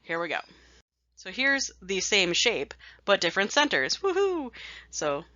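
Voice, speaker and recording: Woman instructor, chatty slide lecture, self-mocking asides, lowish bright voice, dry dull lo-fi recording. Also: sing-song, measured pace, no echo. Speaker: statistics instructor.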